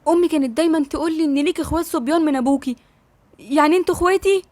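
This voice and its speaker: A woman's voice: high voice, very fast, darkish tone, a little hiss or hum, close to an everyday voice. A woman with an Egyptian accent voicing a bewildered young woman. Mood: shocked. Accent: Egyptian Arabic.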